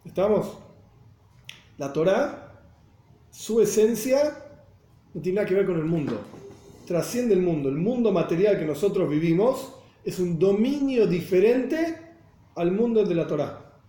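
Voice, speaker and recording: A man from Argentina with a Buenos Aires Spanish accent teaches a religious class as a Torah teacher, speaking in a high, warm, animated voice at a measured pace with long pauses. He explains through rhetorical questions and checks that listeners are following. The recording has a roomy echo.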